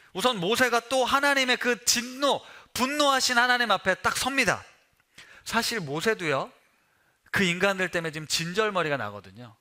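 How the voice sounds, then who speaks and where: A man's voice: high voice, pushed and bright. A male pastor giving a sermon in a conversational way, often putting questions to the congregation.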